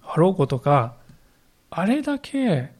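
A man's voice: sits high, very animated, slow, a little mellow, slightly rough. A male pastor giving a sermon in a conversational storytelling way, acting out the quoted lines.

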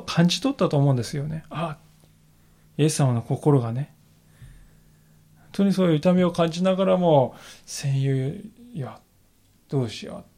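A male pastor giving a sermon in an earnest, reflective way, slowing down to stress key phrases. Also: on the high side, mellow. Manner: earnest, reflective preaching with emphatic slowed phrases.

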